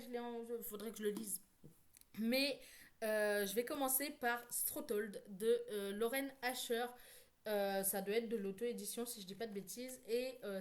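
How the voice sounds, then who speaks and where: Rambling French-speaking woman book vlogger. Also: medium pitch. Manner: rambling with many fillers and self-corrections. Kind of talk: casual chat.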